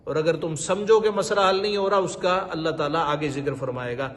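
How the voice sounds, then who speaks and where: A man's voice: a little high, fairly bright tone. A man teaching a Quran commentary lecture. He recites Arabic verses and explains them with emphatic, rising stress on key points. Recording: long reverb with faint background noise.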